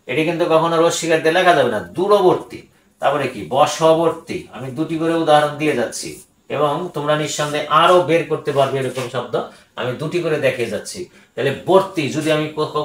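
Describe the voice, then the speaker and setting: A man with a Bangladeshi Bengali accent teaching a grammar lesson, speaking slowly and deliberately, repeating each word and often pausing on "ah". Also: mid-range voice, echoey room, rough recording.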